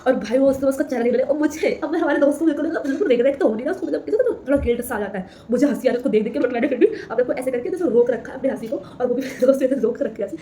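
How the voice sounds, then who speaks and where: A woman's voice: high-pitched, racing, hardly any pauses, dark tone, a little hiss or hum. A teenage girl vlogging casually to camera, rambling, repeating herself and laughing as she tells a story.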